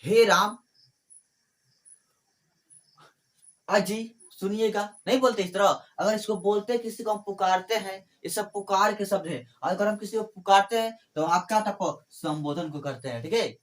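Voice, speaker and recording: A man teaching a grammar lesson. He asks questions and answers them himself, repeats phrases, and keeps dropping in small fillers like "okay". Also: high voice. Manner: fills pauses with "ठीक है" and "आपको".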